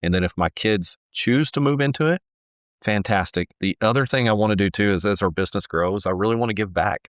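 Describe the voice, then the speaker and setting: A man in his forties with a deep voice answers questions in an earnest, halting way, restarting sentences as he goes. The sound is dry and close, with no room behind him. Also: dry recording. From Texas. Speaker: home builder, guest. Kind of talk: casual interview answers.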